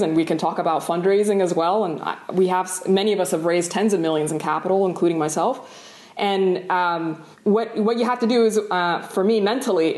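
A woman's voice: on the low side, a little mellow. A woman from Sudan, a tech founder, giving earnest, reflective interview answers and often restarting phrases. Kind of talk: video-call interview answers. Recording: roomy echo.

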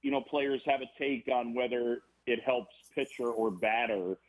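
A man, a baseball broadcaster guest on a podcast, talking in a rambling, animated way with many restarts. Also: mid-range voice, moderate pace. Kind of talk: casual podcast conversation. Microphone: phone or remote call. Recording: tinny phone line.

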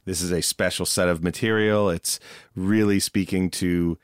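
Deep-voiced man, rambling and relaxed. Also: moderate pace, smooth, no echo, clean studio sound. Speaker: show creator and musical director. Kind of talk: casual interview chat.

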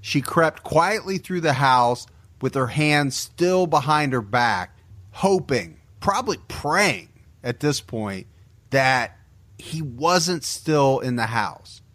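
Slow, grave male narrator. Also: mid-range voice, expressive, fairly bright tone. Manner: measured, grave storytelling. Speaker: podcast co-host. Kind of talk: scripted true-crime narration.

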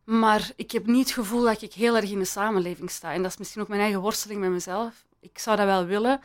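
A woman's voice: medium pitch, fairly even intonation, quick pace. A woman speaking as an interview guest, thoughtful and hesitant, with frequent restarts and laughs. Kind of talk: reflective interview talk. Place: in Belgium.

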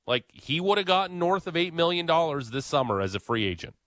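A man's voice: a little high, very animated, a little fast, fairly bright tone, no echo. A man hosting sports talk radio, chatty and opinionated, with lots of "uh" fillers.

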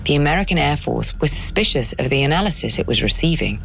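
A woman's voice: low voice, lively intonation, fast, vocal fry, slight background noise, poor audio. A woman delivering scripted narration as the host of a documentary podcast.

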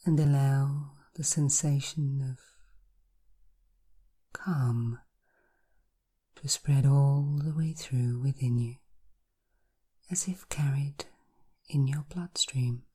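A woman guiding a hypnosis relaxation, speaking softly in slow, repetitive suggestions and often half-whispering. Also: a bass voice, husky.

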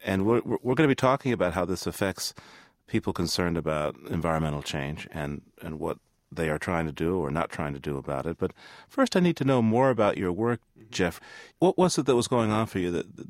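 A man with a low voice hosts a public radio interview. His pitch moves in wide, lively sweeps as he puts his questions. The sound is close and dry, and he often repeats words as he starts a sentence. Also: normal speed, no room sound. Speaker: radio show host.

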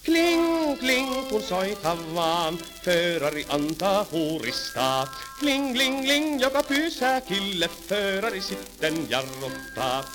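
A man's voice: high-pitched, sing-song. A man singing and playing a fussy old-time tram conductor who scolds passengers, on an old archive record with music. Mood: jaunty. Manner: sings, then scolds passengers in quick patter. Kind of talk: 1930s comic song with spoken patter.

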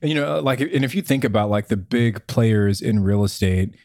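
Low-voiced man co-hosting a podcast. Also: moderate pace, a little mellow, dry recording, clean studio sound. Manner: easygoing, hesitant, many fillers and restarts. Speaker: podcast co-host. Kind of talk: casual podcast chat.

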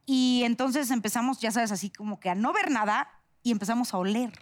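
A woman of middle age with a Mexican accent sits in as a guest on a loose, joking talk show. Her voice sits a little high and she tells her stories with lively energy, breaking into laughter as she goes. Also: a little fast. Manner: laughing, animated storytelling. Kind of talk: casual chat.

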